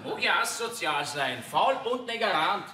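A man plays a mocking Viennese wisecracker with a Viennese accent in a stage comedy. His voice sits high and swoops widely. The sound is roomy and noisy, as if caught off a stage. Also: very animated, normal speed. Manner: mocking, sarcastic quips. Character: sardonic Viennese man in a scheming group.

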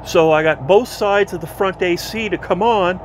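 A man talks through his repair work in a loose, rambling way, stopping for fillers and correcting himself as he goes. His voice sits a little higher than most men's. A steady background hum runs under the whole recording, captured inside an old motor coach. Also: normal speed. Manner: rambling, relaxed, many fillers and self-corrections. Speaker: DIY vlogger restoring a vintage motorhome. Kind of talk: casual thinking-aloud workshop narration.

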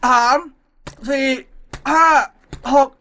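A young man hosting a casual live voice-chat stream as a DJ, excitable, often shouting and laughing and tacking polite particles onto his sentences. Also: drawn-out words. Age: young adult. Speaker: online voice-chat DJ. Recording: loud music playing behind the voice. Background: music.

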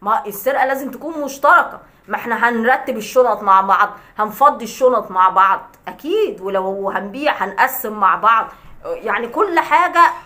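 A woman's voice: a little high, lively intonation, brisk, bright, forceful tone. A woman with an Egyptian accent, a vlogger ranting at a critic in a sarcastic, scolding way with scornful laughs. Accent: Egyptian Arabic. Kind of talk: mocking rant to camera.

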